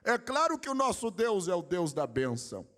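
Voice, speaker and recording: A male Brazilian pastor preaching a sermon, swinging between a sung, rising cadence and quiet asides. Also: high-pitched, very animated, moderate pace. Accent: Brazilian Portuguese.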